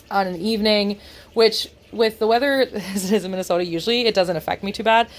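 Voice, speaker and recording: A congested woman talking casually to her vlog camera, rambling with dry sarcastic asides. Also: medium pitch. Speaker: vlogger.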